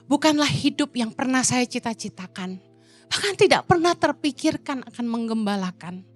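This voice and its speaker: A woman's voice: a little high, animated, normal speed, soft background music. A middle-aged woman pastor, preaching a playful sermon and acting out the voices she quotes.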